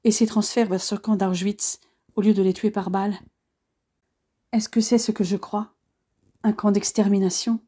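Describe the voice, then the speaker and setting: A woman narrates a first-person audiobook with a measured, earnest delivery. Her voice is mellow and dark-toned, and her pitch sits in an ordinary middle range. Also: breathy edge.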